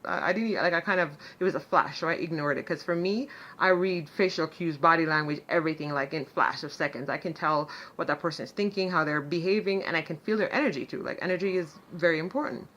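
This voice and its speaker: A woman telling a story in a casual vlog, chatty and animated, full of fillers and sarcastic asides. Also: low-pitched, quick pace, hardly any pauses, dull audio. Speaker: vlogger.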